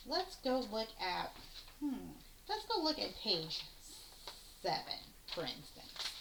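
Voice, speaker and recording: Slow, patient woman teaching phonics. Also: mid-range voice, a bit bright. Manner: slow, patient, sounding out words letter by letter. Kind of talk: phonics lesson for young children. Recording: echoey room with faint hiss.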